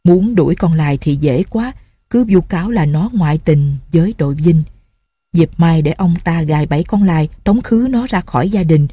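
A woman narrating an audiobook story in a steady, even way. Her voice is husky and dark, set a little low, and it sounds close and dry. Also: normal speed, dry recording.

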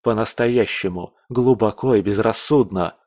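A man's voice: lowish voice, moderate pace, a little mellow, no echo, studio quality, natural voice. A man doing an earnest young nobleman.

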